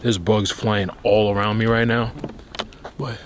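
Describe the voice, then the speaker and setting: A man's voice: lowish voice, flat delivery, measured pace. A man giving casual, reflective life advice to camera while walking outdoors. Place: outdoors on a walk. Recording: outdoor city ambience, clear background noise. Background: outdoor urban noise, vehicles.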